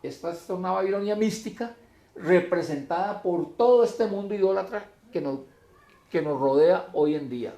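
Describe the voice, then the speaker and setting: A man preaching a sermon, his voice high, gravelly and mellow in tone. He speaks emphatically and swells into loud declamation when he reads scripture. The room around him is echoey.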